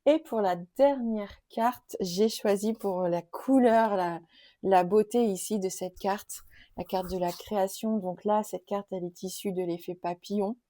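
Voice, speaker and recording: A woman presenting oracle and tarot cards in a casual video, chatty and gentle, with many fillers. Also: mid-range voice, a little slow, dry recording. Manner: gentle, enthusiastic about nature and cards. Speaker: tarot and oracle card youtuber. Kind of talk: casual card-showing tag video.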